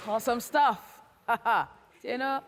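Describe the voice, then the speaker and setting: A woman's voice: fairly high pitch, takes it slowly. A woman with a Nigerian accent presenting a game show to a studio audience, projecting with an exuberant, teasing manner. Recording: reverberant studio hall, crowd noise. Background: studio audience and noise.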